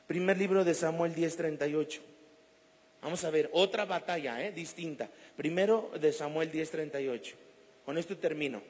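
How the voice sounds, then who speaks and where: A man's voice: fairly high pitch, moderate pace. A man preaching a sermon, telling stories with animation and acting out the voices of the people in them. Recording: long reverb of a church hall.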